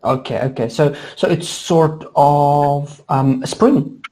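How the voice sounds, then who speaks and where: A woman's voice: deep voice, slow pace, mellow. A woman from South Africa with a South African accent, tutoring English in a chatty, upbeat way over a video call, often saying "alrighty". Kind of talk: online lesson chat.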